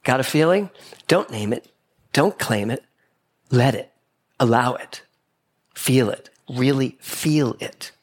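A man giving a spiritual talk to a live audience in a gathering hall, playful and animated as he acts out little exchanges in quoted voices. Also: mid-range voice.

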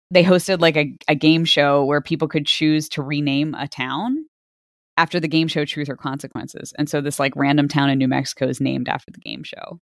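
A woman's voice: low-pitched, no room sound, studio quality. A woman co-hosting a podcast, chatting casually about travel with many filler words. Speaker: podcast co-host. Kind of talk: casual chat.

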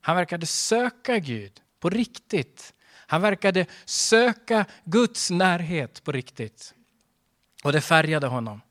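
A man's voice: fairly high pitch, expressive, a bit bright. A man preaching a sermon as pastor, earnest, with rhetorical questions and emphatic swells.

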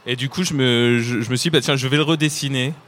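Hesitant French illustrator, faint room noise. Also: male voice, medium pitch, fairly even intonation, fast, a bit bright. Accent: French from France. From France. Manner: hesitant, many fillers. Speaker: comic illustrator. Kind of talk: casual talk to children.

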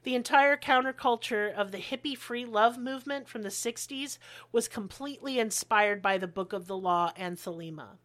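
A woman's voice: fairly high pitch, moderate pace, fairly bright tone. A woman hosting a podcast, telling history in a blunt, sarcastic way and swearing freely. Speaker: podcast host. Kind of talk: casual history chat.

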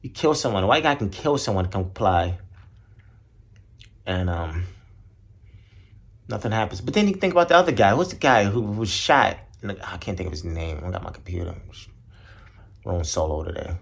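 A man's voice: moderate pace, vocal fry, pauses often, slightly rough. A man hosting his podcast alone, ranting bluntly with lots of profanity and rambling asides. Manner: blunt, profane, rambling, mimics others in high voices. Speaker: podcast host. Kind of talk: solo casual rant.

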